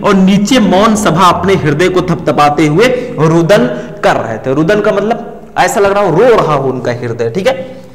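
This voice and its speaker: Man, high voice, teacher running through exam answers, talks straight to students, echoey room with long reverb. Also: fairly bright tone. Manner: chatty, addresses students directly, breaks into sung lines. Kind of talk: exam-prep lecture.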